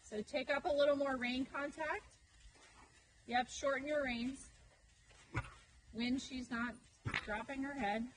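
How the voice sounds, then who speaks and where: A woman riding instructor coaching a live lesson with brisk, projected commands in short, repeated instructions. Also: sits high, steady tone. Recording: noisy ambience, voice sometimes distant.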